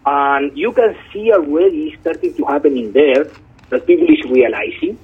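A slightly high, husky male voice comes through a thin, tinny telephone line. He is a guest journalist, pausing often with ums as he makes his points earnestly. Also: animated. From Chile. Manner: hesitant, frequent ums, earnest. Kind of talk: phone interview.

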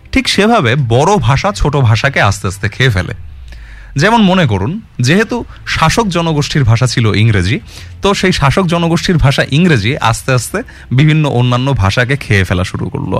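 A man giving an earnest explanatory talk, arguing his point with rhetorical questions and dropping English words into his speech. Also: on the high side. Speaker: commentator on language.

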